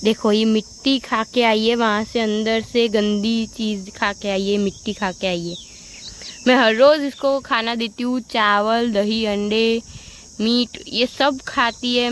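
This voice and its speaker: Woman, casual vlog, fairly high voice, outdoor noise and insects behind, keeps calling her dog. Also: fairly even intonation, unhurried, low-quality recording. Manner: repeats "look, look", scolds her dog in sharp high calls. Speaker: vlogger, dog owner.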